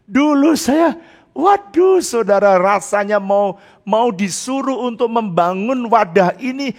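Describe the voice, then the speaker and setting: Animated preaching man, echoing church hall. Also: very high-pitched, slow pace. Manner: animated and playful, laughing often between points; drops into English phrases. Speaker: pastor. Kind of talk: preaching a sermon. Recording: long church-hall reverb.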